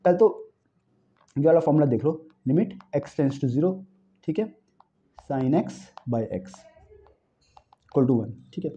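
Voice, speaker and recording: A young man giving an animated exam-prep math lecture, repeating key phrases and talking to students as friends. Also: a little high, slow pace, pauses often, muffled recording. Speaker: math teacher.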